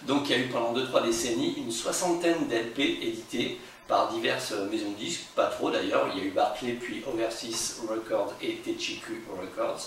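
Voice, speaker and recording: A man's voice: mid-range voice, brisk, heavy reverb, recorded from a distance, slight background noise. A man casually presenting a record collection from home, talking in a chatty, rambling way with fillers and restarts. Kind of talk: casual video presentation to friends. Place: room at home.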